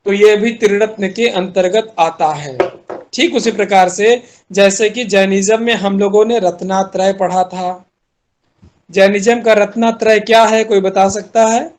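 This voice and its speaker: A man's voice: sits high, fairly even intonation, measured pace, a little hiss or hum. A man with an Indian accent giving a classroom lecture as a university teacher, explaining step by step and putting questions to his students.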